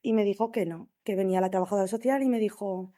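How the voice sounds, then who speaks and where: Mellow-voiced young woman telling her story. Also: medium pitch. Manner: emotional, halting storytelling with many restarts. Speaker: guest speaker sharing a testimony. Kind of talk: personal testimony at a talk.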